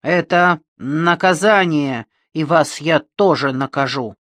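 A reader voicing a tormented male killer who breaks into hysterical, fervent shouting in an audiobook. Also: mid-range voice, dry recording, studio quality. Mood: raving. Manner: slow, halting, fervent. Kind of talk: audiobook reading.

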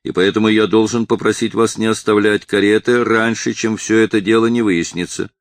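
Man voicing a calm firm gentleman. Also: lowish voice, brisk, no echo, lightly acted. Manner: calm, polite.

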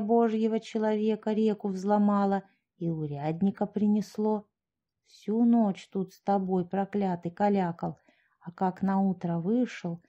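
Woman reading as a grumbling sexton man, slow mutter, low, dark mellow tone, audiobook story. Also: lo-fi sound, lightly acted. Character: gruff suspicious peasant sexton, middle-aged man.

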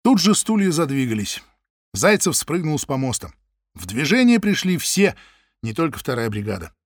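A man narrating a novel in a vivid, storytelling manner. His slightly high voice swings widely in pitch. The recording is dry and close. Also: very animated, normal speed, no room sound. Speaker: audiobook narrator. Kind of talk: scripted narration.

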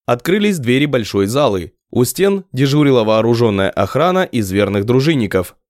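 A man narrating an audiobook in a lively storytelling manner. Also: mid-range voice, normal speed, no echo, studio quality. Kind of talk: scripted narration.

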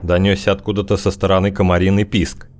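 Low-voiced male audiobook narrator. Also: little pitch movement, fast talker, a little mellow. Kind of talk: scripted narration.

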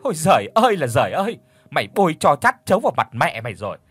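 A man voicing an older village mother who scolds her daughter with loud, wailing curses. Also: mid-range voice, very animated, moderate pace, husky, dry recording. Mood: furious wailing. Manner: wailing, cursing outbursts.

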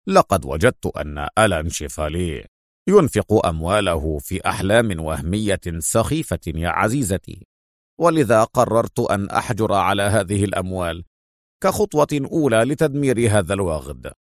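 A self-assured male intelligence colonel, played by a man speaks in a low, even tone, sounding dry and close to the mic. His calm, wry confidence carries through every line. It is the unshaken hero of a spoken spy story. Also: normal speed, no room sound.

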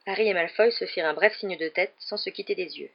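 A man narrating a novel as an audiobook reader in a steady, even storytelling manner. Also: high-pitched, quick pace, gravelly. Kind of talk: read-aloud narration of a novel. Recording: dull lo-fi recording.

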